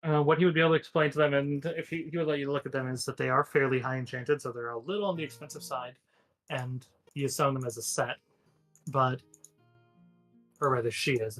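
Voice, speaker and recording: A man's voice: mid-range voice, fairly even intonation, a little fast, fairly bright tone, faint music behind. A man narrating a tabletop game as game master, explaining things at length and correcting himself as he goes. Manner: rambling, self-correcting explanations.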